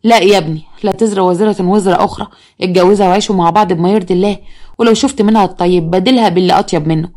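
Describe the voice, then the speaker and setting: A pious mother , voiced by a woman storyteller, counsels patience in an Egyptian accent. She speaks gently but very fast. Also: medium pitch, fairly even intonation, close to an everyday voice. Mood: resigned. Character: pious older mother, calm and resigned.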